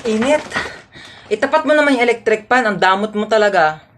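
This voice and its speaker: A woman's voice: a little high, expressive, a little fast, a little hiss or hum. A woman performing comedic skits, playfully switching between comic characters. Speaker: comedy skit creator.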